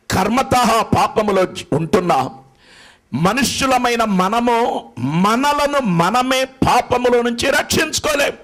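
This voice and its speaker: Fervent high-pitched male preacher. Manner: fervent preaching that swings between soft asides and sudden shouts; storytelling with folksy parables. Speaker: pastor. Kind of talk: sermon.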